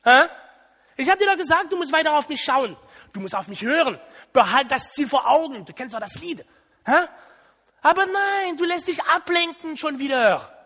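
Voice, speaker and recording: A preacher doing a sarcastic scolding Jesus. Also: male voice, extremely high pitch, expressive, moderate pace, bright, forceful tone, in a large hall, pitched above the performer's own voice, heavily acted. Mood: mocking. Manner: mocking, exasperated questions. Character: sarcastic scolding man, mocking impatient Jesus.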